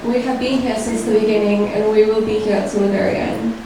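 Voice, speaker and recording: A woman's voice: fairly high pitch, steady tone. Woman poet, reflective lyrical reading, far mic, roomy with background noise. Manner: slow, reflective, lyrical delivery. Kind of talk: spoken-word poetry reading. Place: live event room. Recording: echoey room heard from far off with background noise.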